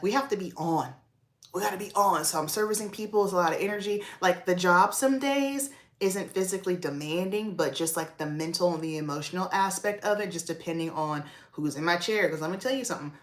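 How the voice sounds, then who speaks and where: A woman from the South, chatting casually to livestream viewers, often breaking into preachy asides and calling them y'all. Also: lowish voice. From American South. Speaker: makeup artist and livestream host. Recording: roomy echo.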